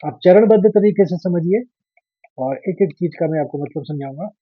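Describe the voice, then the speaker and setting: A high-voiced, slightly husky man leads a patient lesson in Sanskrit recitation, slowing right down to chant each verse and spelling words out syllable by syllable. The recording is dry and close, with a dull, lo-fi tone. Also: no echo. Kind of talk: step-by-step Gita recitation lesson.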